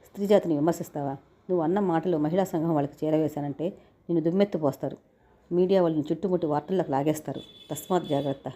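A woman's voice: low-pitched, very fast. A woman reading the lines of an outspoken college-age sister who scolds her brother, in a narrated story. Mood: scolding. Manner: sharp, scolding.

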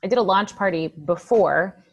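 A woman's voice: lowish voice, normal speed, lo-fi sound. A woman on a team video call, speaking candidly and reflectively. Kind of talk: casual video call meeting.

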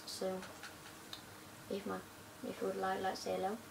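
A female gaming channel host giving casual, rambling gameplay commentary, often excitable and chanting silly sing-song lines. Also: mid-range voice, moderate pace, gravelly, background noise. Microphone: phone recording a screen.

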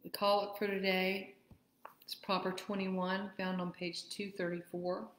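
A woman leading a church liturgy, reading prayers in a measured, steady way, with a roomy church echo. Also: medium pitch. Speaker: worship leader. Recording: echoey room.

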